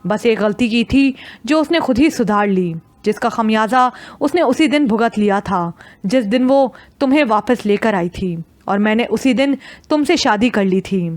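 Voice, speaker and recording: A woman voicing a gentle, teasing young husband who coaxes his wife in an audio novel. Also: fairly high pitch, lively intonation, dry recording, lightly acted. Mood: earnest. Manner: soothing, coaxing.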